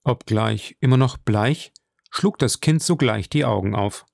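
A man reads a classic novel aloud in a steady, even manner. His voice has a gravelly edge, and the recording is dry and close. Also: mid-range voice, a little slow, dry recording. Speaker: narrator. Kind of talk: audiobook narration.

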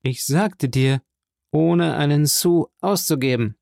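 A man's voice: mid-range voice, lively intonation, normal speed, gravelly, dry recording, studio quality. A man voicing a greedy, scheming male ex-convict who needles and wheedles, in a storybook reading.

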